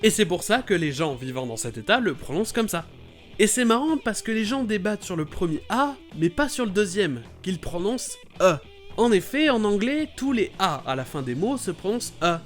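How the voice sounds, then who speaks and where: A man hosting a playful scripted explainer about English vowel sounds, talking with lively enthusiasm. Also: high voice, normal speed, faint music behind. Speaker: YouTube host explaining English pronunciation.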